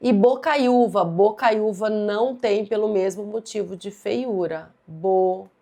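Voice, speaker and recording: A woman's voice: medium pitch, a little slow, warm tone. A Brazilian woman teaching an exam-prep grammar lesson, stressing and repeating key words as she explains each answer. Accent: Brazilian Portuguese.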